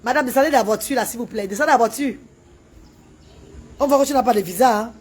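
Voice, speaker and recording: A woman's voice: on the high side, fast, slightly rough. A woman doing a stern male border cop who barks curt orders, with no real voice change. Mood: commanding.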